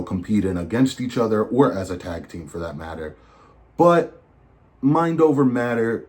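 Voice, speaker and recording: A man hosting a podcast, talking casually and digressively, with animated asides. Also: on the low side. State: recovering from flu. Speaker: podcast host. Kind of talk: casual wrestling predictions.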